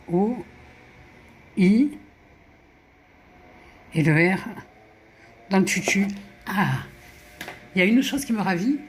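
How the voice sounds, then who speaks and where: A woman's voice: medium pitch, a little hiss or hum. A woman chatting casually at home, muttering letters and numbers to herself as she works through puzzle games and mocks her own mistakes. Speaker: YouTuber. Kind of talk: casual chat while playing puzzle games.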